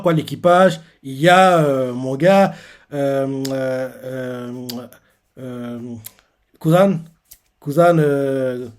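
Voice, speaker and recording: A young man talks through a manga chapter live, in a loose, unscripted way. His speech is halting and full of fillers as he searches for words. His voice sits a little high for a man. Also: a little mellow. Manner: hesitant, filler-heavy retelling with many pauses. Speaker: manga reaction streamer. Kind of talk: casual live chapter recap.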